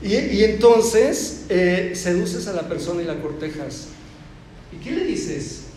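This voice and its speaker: A man's voice: high voice, big pitch swings, slow, darkish tone, slight background noise. A man with a Mexican accent giving a playful, joking lecture as a therapist and speaker, acting out little voices as he explains. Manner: playful, jokey, acts out quoted voices. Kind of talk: motivational lecture. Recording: echoey hall.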